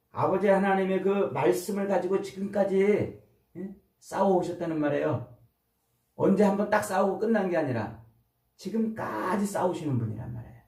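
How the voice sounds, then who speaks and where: A man's voice: a little high, warm tone. A male pastor giving an expository sermon, often putting questions to his listeners and prompting them for an answer. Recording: roomy sound from a distant mic.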